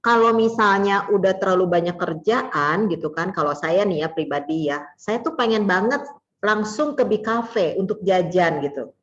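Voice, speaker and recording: A woman's voice: medium pitch, lively intonation, normal speed. Woman, talk show co-host, casual prompting, slightly muffled lo-fi audio. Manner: casual, agreeable, prompting questions. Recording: slightly dull lo-fi sound.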